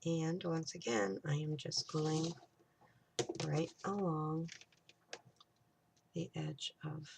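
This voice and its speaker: A woman's voice: low-pitched, steady tone, takes it slowly, gravelly, long pauses, noisy background. A woman hosting a casual crafting tutorial, chatting and thinking aloud as she works, sometimes dropping to a whisper.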